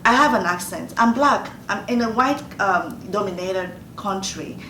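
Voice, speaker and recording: Giving earnest advice in a motivational Q&A, a woman in her fifties from Nigeria repeats phrases for emphasis in her Nigerian accent. Her mid-range voice is fairly bright with lively intonation, moving a little slowly, and the roomy distant mic catches faint noise.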